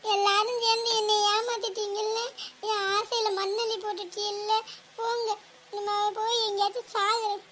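A woman's voice: very high voice, flat delivery, moderate pace, a bit bright, slight background noise. A woman voicing a jilted young woman in a cartoon family drama, whiny and reproachful. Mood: bitter. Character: jilted young woman, petulant would-be bride.

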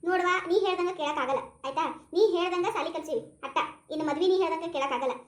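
A pushy middle-aged aunt in a cartoon, coaxing and lecturing in a North Karnataka Kannada accent, as a woman puts her on. Her voice is high and brisk. The room is echoey. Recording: roomy echo.

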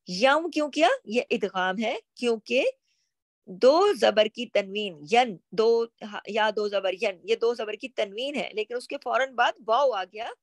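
A woman's voice: on the high side, dry recording. A woman teaching Quran recitation rules, stretching out example words and then explaining them.

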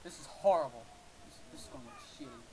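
A young man giving casual let's-play commentary, excitable and swearing, yelling at his game. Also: mid-range voice, quick pace, rough recording. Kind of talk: gaming commentary.

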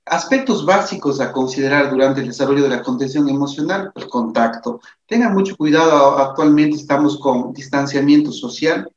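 A man's voice: on the high side, moderate pace, few pauses. A man with a tired voice, giving an earnest recorded lesson on psychology and often checking in with his listeners. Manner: earnest, repeats himself, asks "¿de acuerdo?". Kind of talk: recorded lecture over slides. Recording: echoey room, dull lo-fi sound.

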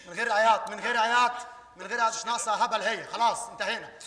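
A man's voice: sits high, steady tone, very fast, pushed and bright. An actor playing a brash, scheming young man with an Egyptian accent in a stage comedy, teasing and bossing his friend. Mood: farewell. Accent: Egyptian Arabic. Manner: teasing, bossy. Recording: echoey stage, heard from a distance.

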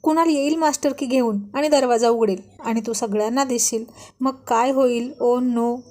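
Woman as a flustered young wife, scolding, panicky, pleading, slightly high voice. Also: fairly even intonation, normal speed, a little mellow, close to an everyday voice.

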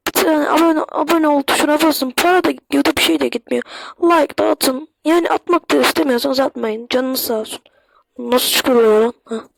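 Chatty woman gamer, higher voice. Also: a little hiss or hum. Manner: chatty, addresses viewers, swears when flustered. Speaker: gaming YouTuber. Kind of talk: let's-play commentary. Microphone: phone screen recording.

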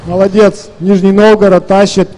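High-voiced man commentating a fighting game. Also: little pitch movement, normal speed, dark tone, low-quality recording. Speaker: esports commentator. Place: live gaming tournament event.

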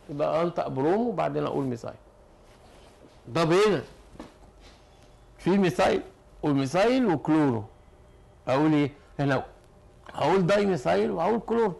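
A man with an Egyptian Arabic accent teaching a chemistry lesson. His voice is fairly high and gravelly, and he talks quickly, explaining each step and answering his own questions. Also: darkish tone. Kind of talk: classroom lesson.

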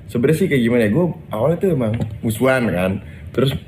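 A man's voice: mid-range voice, animated, fast talker, noisy background. A man, a content creator, casually explaining a feud in blunt, defiant slang. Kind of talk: casual video clarification.

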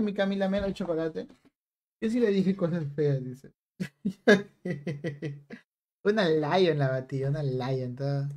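A man's voice: fairly high pitch, darkish tone. Playful young man streaming a game. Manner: playful, teasing, reads chat aloud. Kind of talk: live stream chat while gaming.

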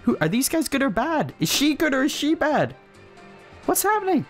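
Giggly, excitable gamer man. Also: very high voice, moderate pace, faint music behind. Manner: excitable, giggly, full of exclamations. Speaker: let's play gamer. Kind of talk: excited let's play commentary.

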